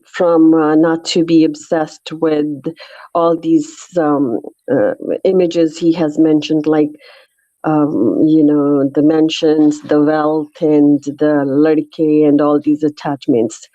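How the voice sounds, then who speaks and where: A woman with a North Indian accent speaks in a low, mellow voice. She takes her time, halting to search for words in an informal scripture discussion. The audio is dry and a little muffled. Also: flat delivery, dry recording. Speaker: discussion participant.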